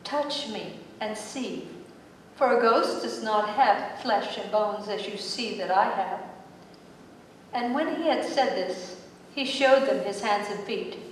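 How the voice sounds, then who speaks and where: Woman slowly reading scripture in church. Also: mid-range voice, a little hiss or hum. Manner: slow, measured reading. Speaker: scripture reader. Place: large church sanctuary. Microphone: distant room mic. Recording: echoey sanctuary from far off.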